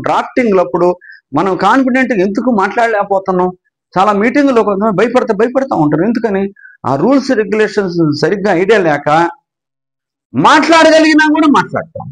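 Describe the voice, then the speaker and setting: A man with an Andhra Telugu accent teaching English grammar, his voice set very high and swinging lively up and down. He keeps asking his class a question and then answering it himself. He slows right down when he dictates an English definition. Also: poor audio. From Andhra Pradesh. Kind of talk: explanatory grammar lesson.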